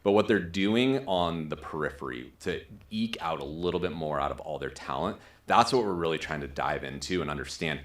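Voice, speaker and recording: A man with a deep voice hosts a podcast interview. He speaks in a conversational way. The sound is roomy, with audible echo around his voice. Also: brisk, hardly any pauses. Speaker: podcast host.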